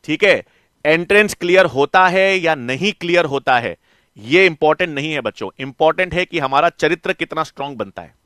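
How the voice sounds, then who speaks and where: A man's voice: a little high, sharp tone, no echo, studio quality. A middle-aged male biology teacher giving an online class, coaxing his students and answering his own questions. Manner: coaxing, calls students "beta" and "bachche"; asks questions and answers them himself.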